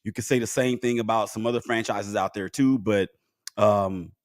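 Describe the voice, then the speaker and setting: A man in his fifties co-hosting a casual sports podcast over a video call, animated and quick to laugh. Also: fairly low pitch, dry recording, studio quality. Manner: animated, laughs often, pleading. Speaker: podcast co-host.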